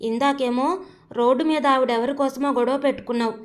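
A woman voicing a worried older brother who scolds his sister in hushed tones. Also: sits high, fairly even intonation, brisk, close to an everyday voice. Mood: reproving.

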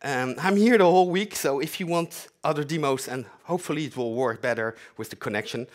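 A brisk, fairly high male voice with a French accent comes from a conference speaker in his forties who is half French, half Dutch. As a developer advocate on a large hall's stage, he gives a live demo in a chatty, self-mocking style.

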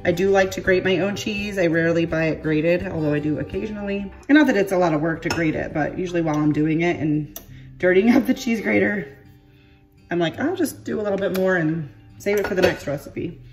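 Her voice a bit low and thick with congestion, this home cooking vlogger in her thirties talks briskly through making dinner in the kitchen and out on the patio. The narration is chatty and self-deprecating, packed with fillers and little apologies, recorded from a distance over soft music.

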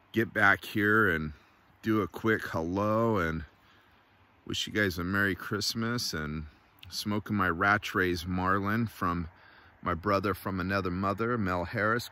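A middle-aged man chatting casually to camera outdoors, in a laid-back, folksy way with short phrases and pauses. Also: sits low, fairly even intonation, bright, forceful tone. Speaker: vlogger. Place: outdoors by a river in a wooded valley. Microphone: phone at arm's length.

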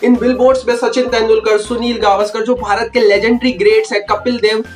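A man's voice: sits high, level tone, brisk, faint music behind. A young man talking energetically to the camera in a cricket news vlog, calling his viewers friends and waving his hands as he talks. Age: young adult. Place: indoor room, seated before a wooden wall.

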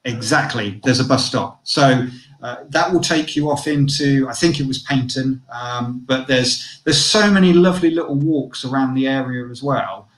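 A man's voice: medium pitch, moderate pace, reverberant. A man reviewing a caravan site in a casual online show, chatty, with lots of fillers and restarts.

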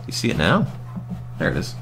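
A man's voice: brisk, over music. A man giving casual, dry and sarcastic commentary while streaming a video game.

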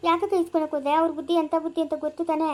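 A woman acting as a blunt village neighbor, consoling a friend in a very high, quick voice. She speaks plainly in an amateur family drama. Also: little pitch movement, a little mellow. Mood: sympathetic.

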